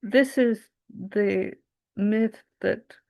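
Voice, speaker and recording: Woman from england being interviewed, slow and thoughtful, kinda gravelly. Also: mid-range voice, mellow. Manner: reflective and thoughtful, searching for words. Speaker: interview guest. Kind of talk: conversational interview.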